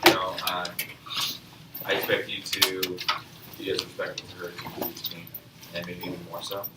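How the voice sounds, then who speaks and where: A man teaching a classroom, talking casually and haltingly with fillers. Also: sits low, monotone. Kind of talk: classroom announcements. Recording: echoey classroom from far off, loud noise.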